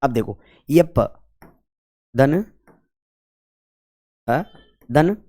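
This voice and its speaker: A man's voice: medium pitch, expressive, extremely slow, mellow. Male teacher drilling students. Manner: repetitive call-and-response questioning, colloquial 'apan'. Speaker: Hindi grammar teacher. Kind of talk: whiteboard grammar lesson.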